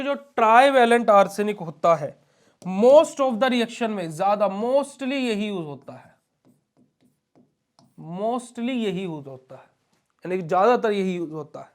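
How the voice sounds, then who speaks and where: Young male lecturer, high voice, coaxing question-and-answer teaching style. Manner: asks questions and answers them himself, calls students "beta ji". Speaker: pharmacy lecturer. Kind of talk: classroom lecture.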